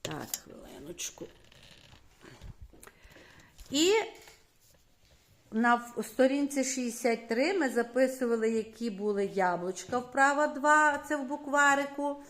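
A woman's voice: sits high, expressive, unhurried, long pauses, a bit bright. A woman primary school teacher giving a classroom lesson, patiently checking that the children follow. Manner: patient, checks understanding with "right?". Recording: echoey classroom from far off, faint noise.

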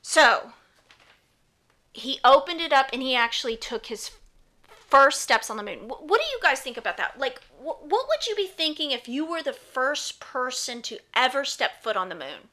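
Lady teaching kids on a podcast, high bright voice, informal, asks lots of questions. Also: very animated, normal speed. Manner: prompting listeners with questions. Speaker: podcast host teaching children. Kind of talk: informal educational storytelling.

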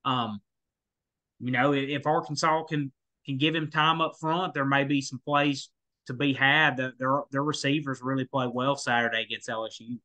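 A co-host of a college football podcast speaks at a moderate pace in a bright, forceful, mid-range voice with fairly even intonation. His casual sports talk meanders, full of fillers and restarts.

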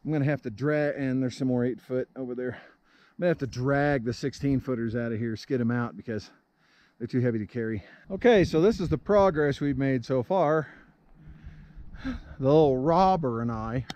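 A man's voice: mid-range voice, moderate pace, a little mellow, lo-fi sound. Chatty man vlogging outdoors in a forest. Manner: chatty, plain-spoken, joking. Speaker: vlog host. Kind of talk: casual explanatory vlog.

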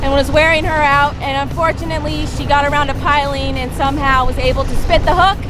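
High-voiced young woman, upbeat outdoor fishing vlogger on a boat, action-cam sound over loud music. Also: fast, low-quality recording. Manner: upbeat, excited, raising her voice over wind. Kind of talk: casual to-camera vlog. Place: outdoors on a small boat on open water. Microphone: action camera. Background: loud background music.

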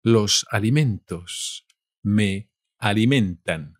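Slow Spanish teacher from Spain. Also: male voice, lowish voice, no echo, clean studio sound. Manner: slow, repeats each word twice. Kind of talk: vocabulary lesson.

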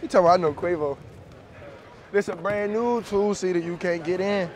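A teenage basketball player from Tennessee wearing a body mic, joking and singing rap lines to himself while warming up in an indoor gym. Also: male voice, high voice, brisk. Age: teens. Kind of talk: casual banter while warming up. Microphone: body-worn mic. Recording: crowded gym noise around the mic. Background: players chatting, balls bouncing.

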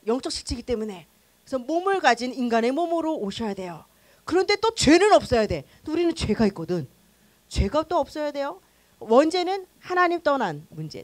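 A woman pastor teaching a new-member church class in an animated, conversational way, acting out quoted voices. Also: sits high, no echo.

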